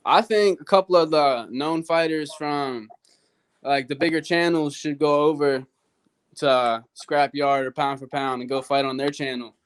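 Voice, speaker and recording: A man's voice: a little high, steady tone, normal speed, clean tone. A man speaking as an amateur fighter, giving casual, plain-spoken interview answers.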